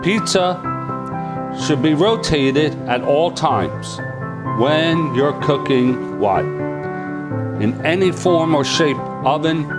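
A man reviewing a kitchen oven in a home kitchen, chatting excitedly with viewers. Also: fairly high pitch, takes it slowly, over loud music. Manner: exuberant, chatty, calls viewers "my friends" and "baby". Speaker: cooking appliance reviewer. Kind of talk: casual cooking review.

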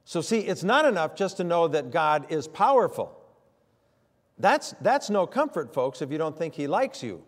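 Speaking at a moderate clip, this older man's slightly high voice is full of animation as he delivers a folksy, story-driven sermon loaded with fillers. The long reverb of the church hall surrounds him in the sanctuary.

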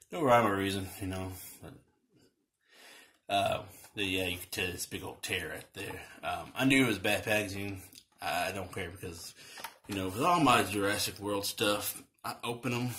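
A man casually reviewing a toy as he unboxes it, talking in a relaxed, rambling way with many fillers and restarts. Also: sits low.

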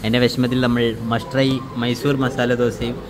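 A man's voice: medium pitch, flat delivery, normal speed, noisy background. A man with a Malayali accent chatting casually for a food vlog, teasing and mixing English words into his Malayalam. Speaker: vlogger. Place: indoor restaurant. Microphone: handheld phone. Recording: busy restaurant with background chatter.

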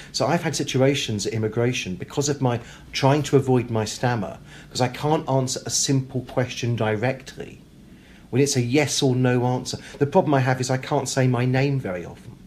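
A British man's mid-range voice, a little mellow and fairly quick, comes through as he chats as a guest in a casual interview. Self-deprecating and talkative, he repeats words hesitantly, with clear room ambience and background noise.

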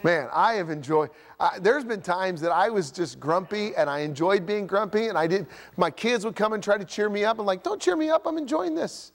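High-voiced pastor preaching in a reverberant church. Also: male voice, moderate pace, few pauses. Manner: animated preaching, acts out grumpy dialogue. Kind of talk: sermon. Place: church sanctuary.

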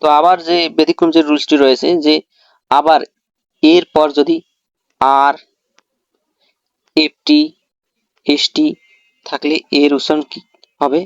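A man's voice: fairly high pitch, little pitch movement, a little slow, pauses often, clear, resonant tone, no echo, highs cut off. A man giving a pronunciation lesson, explaining rules step by step and putting questions to himself and then answering them. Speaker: English teacher. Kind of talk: spoken English pronunciation lesson.

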